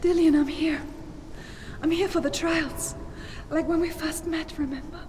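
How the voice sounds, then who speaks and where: Young warrior woman for a video game, high breathy voice, desperate and anguished calling out. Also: measured pace, background noise. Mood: hopeful, calling out.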